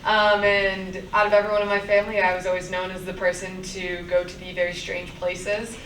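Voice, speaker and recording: A woman's voice: mid-range voice, monotone, fairly quick. A young woman in her twenties from Buffalo, New York introducing herself in a breezy, friendly way. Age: 20s. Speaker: AmeriCorps volunteer. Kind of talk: casual self-introduction. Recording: echoey room, distant mic, background noise.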